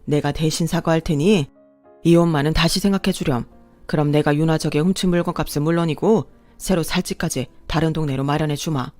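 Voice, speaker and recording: A performer voicing an older father-in-law who speaks slowly and gravely, full of remorse, in a radio drama. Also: on the high side, steady tone, a little mellow, no echo, faint music behind, natural voice. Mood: remorseful. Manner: slow, grave, apologetic.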